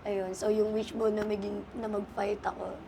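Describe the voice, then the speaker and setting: A woman's voice: mid-range voice, level tone, normal speed, creaky, background noise. A young adult woman speaking earnestly as a guest on a talk show, mixing English into Tagalog. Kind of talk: emotional interview talk.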